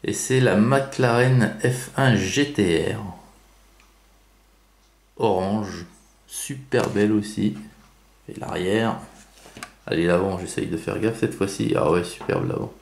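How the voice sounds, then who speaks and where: A man's voice: fairly low pitch, slow pace, gravelly, pauses often, echoey room. A man giving casual unboxing commentary on toy cars, chatty, with many fillers and self-corrections.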